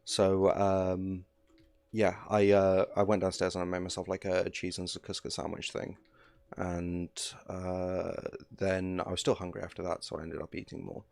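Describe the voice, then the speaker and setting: Deep gravelly male streamer rambling casually. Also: little pitch movement, moderate pace, a little mellow, no room sound. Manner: rambling, filler-heavy, easygoing. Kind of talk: casual gameplay commentary.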